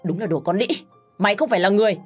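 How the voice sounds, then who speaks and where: A woman voicing a hot-tempered, spiteful sister-in-law who sneers and shouts insults in a storybook reading. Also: on the low side, expressive, a little fast, soft background music. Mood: screaming.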